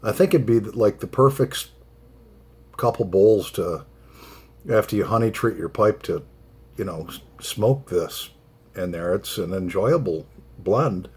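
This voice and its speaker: A man chatting casually in a solo pipe tobacco vlog, unhurried and halting, drifting into rambling asides. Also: fairly low pitch, animated, darkish tone, breathy edge.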